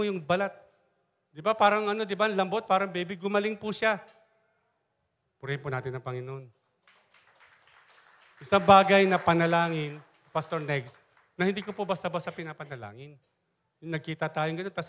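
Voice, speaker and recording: Talkative pastor telling church stories. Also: male voice, high-pitched, fairly bright tone. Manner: chatty storytelling, acts out dialogue, many fillers and restarts. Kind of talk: conversational sermon with anecdotes. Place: church service.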